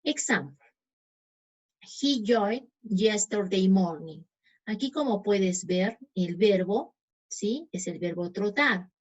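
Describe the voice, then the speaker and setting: Woman, native Spanish speaker, unhurried English teacher who checks in often; muffled lo-fi recording. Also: medium pitch. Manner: slow, reads English examples deliberately, checks in with "¿sí?". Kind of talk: explaining grammar to students. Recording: dull lo-fi sound.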